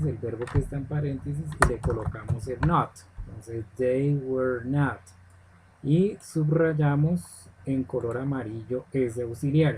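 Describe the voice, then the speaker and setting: A man's voice: medium pitch, warm tone, slight background noise, poor audio. A man teaching English grammar step by step in a screen-recorded lesson, often checking in with "ok?". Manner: patient step-by-step explaining, checks in with "ok?".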